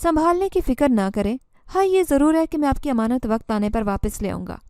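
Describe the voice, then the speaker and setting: A gentle guardian jinn, as a woman narrator puts him on, reassuring and measured, in a fairly high, soft, mellow voice. The recording is dry and close, with no room sound. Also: expressive, no room sound. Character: calm, protective male jinn guardian.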